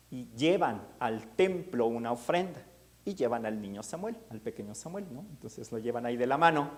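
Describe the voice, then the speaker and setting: A priest preaching a homily. He tells the story in a vivid, animated way and speaks at a middle pitch for a man. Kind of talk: sermon.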